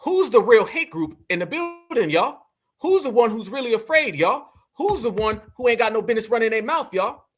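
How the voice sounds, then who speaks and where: A man's voice: very high voice, sing-song, normal speed. A man hosting a political livestream, talking in a combative, preachy way and calling his audience family. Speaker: livestream host.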